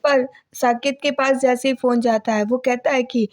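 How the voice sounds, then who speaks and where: A woman's voice: high voice, fairly even intonation, moderate pace. A woman narrating a recap of a television serial episode in a plain, running storytelling manner. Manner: plain, running retelling with small restarts.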